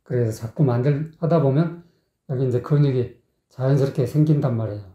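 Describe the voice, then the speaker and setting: A singing teacher gives a vocal lesson, singing short phrases slowly and then explaining them in quick, plain speech, often checking that the learner follows. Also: mid-range voice, warm tone. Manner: often checks with the learner by asking "you get it?". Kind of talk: vocal lesson with sung demonstrations. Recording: echoey, tinny phone-like sound.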